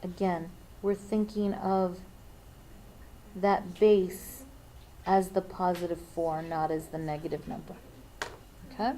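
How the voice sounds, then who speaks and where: A woman's voice: on the low side, flat delivery, slow, pauses often, warm tone, a little hiss or hum, poor audio. Woman teaching math, talking through steps. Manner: thinks aloud, frequent "okay?" check-ins. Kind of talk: classroom math lesson.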